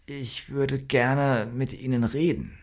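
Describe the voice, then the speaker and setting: A male audiobook reader voicing a hesitant, grieving middle-aged woman who speaks in unsure, halting pleas. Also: medium pitch, lively intonation, creaky, pitched above the performer's own voice, heavily acted. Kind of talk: audiobook dialogue.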